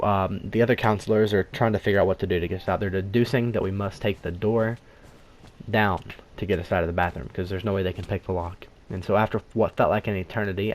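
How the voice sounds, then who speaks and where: A man's voice: low-pitched, a little mellow, slight background noise. A man telling a personal story in a casual, rambling, joking way, full of fillers and asides. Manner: rambling, joking, lots of "you know" fillers.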